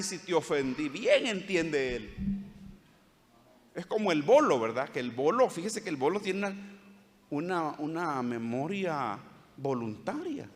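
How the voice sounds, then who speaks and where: High-voiced Salvadoran pastor preaching. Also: male voice, in a large hall. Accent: Salvadoran Spanish. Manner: earnest, acts out short quoted dialogues. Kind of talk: sermon. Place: church hall.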